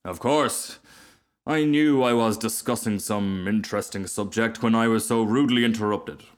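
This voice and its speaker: A man acts out a vain male firework rocket from a storybook. He declaims with haughty emphasis and takes offence easily, pitched a little above the narration and pitying himself grandly. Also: normal speed, natural voice. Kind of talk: storybook character voice.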